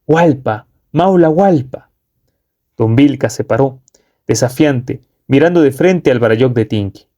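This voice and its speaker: A man reading a short story aloud as an audiobook narrator, steady and measured. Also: mid-range voice.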